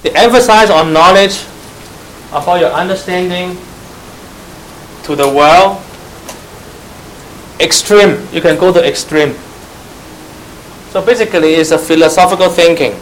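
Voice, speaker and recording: A man's voice: high voice, unhurried, long pauses, a little hiss or hum, poor audio. A man teaching church history, spelling out terms letter by letter, glossing them in Chinese and quizzing his listeners. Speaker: Bible teacher.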